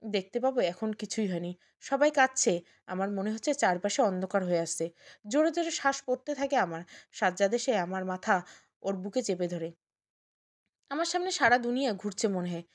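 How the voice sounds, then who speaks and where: A woman narrating an emotional first-person audio story in an earnest, tearful tone. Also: fairly high pitch.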